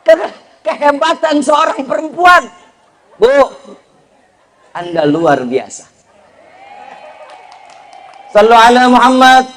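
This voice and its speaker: A man giving a lively, humorous sermon, speaking directly to the crowd and teasing them. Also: very high-pitched. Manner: lively, joking, addresses audience directly with Betawi slang. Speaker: preacher.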